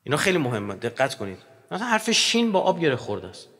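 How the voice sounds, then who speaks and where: Lively male lecturer in a reverberant hall. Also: a little high. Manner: animated, joking, swings between loud and quiet. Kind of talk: religious lecture.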